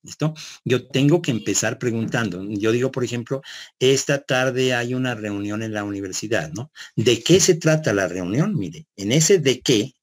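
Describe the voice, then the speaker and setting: A male lecturer explains a point step by step to his students. He repeats words as he works out his phrasing and keeps checking in with a quick "¿no?". He often puts questions to the class. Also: medium pitch. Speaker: university lecturer.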